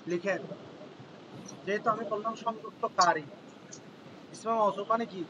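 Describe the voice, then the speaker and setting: A male teacher giving an online grammar class, patiently repeating definitions slowly for students to write down. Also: sits high, fairly even intonation, muffled recording, background noise.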